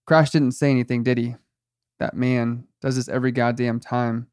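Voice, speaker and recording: A man's voice: medium pitch, little pitch movement, moderate pace, a little mellow, clean tone, dry recording, studio quality, close to an everyday voice. A man voicing a goofy, friendly teenage guard at a weed farm who talks with relentless cheer. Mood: exasperated. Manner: cheerful, chatty, endlessly nice.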